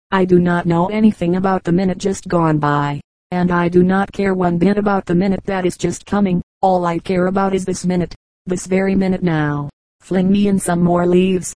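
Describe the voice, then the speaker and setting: A woman reading the part of a cheerful talking brook in a storybook, gentle and fond, with an even, mellow voice. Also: lowish voice, normal speed, no room sound, lightly acted, rough recording. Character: cheerful chattering brook, endlessly happy.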